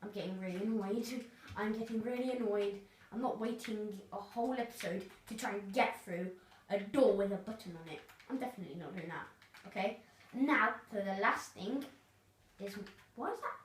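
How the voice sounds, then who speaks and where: A woman's voice: medium pitch, a little fast. Rambling woman touring a game world. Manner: rambling, hesitant, many fillers. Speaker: gamer giving a tour of their world. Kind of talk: casual game tour narration. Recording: roomy, distant mic, faint noise.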